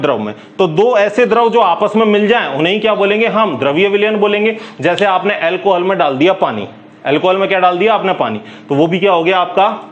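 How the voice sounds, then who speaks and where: A man teaching a chemistry class, firing quick questions at students and answering them himself in a brisk, chatty way. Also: sits high. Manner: calls listeners "bhai", brisk and chatty. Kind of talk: classroom lecture.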